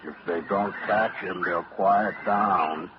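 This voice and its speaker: An eerie, slow young man. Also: deep voice, steady tone, noisy background. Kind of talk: 1940s radio acting. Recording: dull old radio broadcast.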